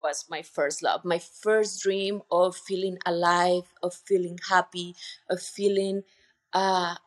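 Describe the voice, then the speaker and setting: A woman's voice: on the low side, fairly even intonation, slow. A woman from Colombia with a Colombian accent, speaking earnestly as a podcast guest, with many fillers. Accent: Colombian Spanish. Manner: earnest, heartfelt, with frequent fillers. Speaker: podcast guest, retreat center owner. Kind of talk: casual interview conversation.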